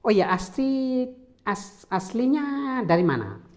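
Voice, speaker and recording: A priest hosting an interview, asking questions in a measured way. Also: male voice, extremely high pitch, very animated. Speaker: podcast host, priest.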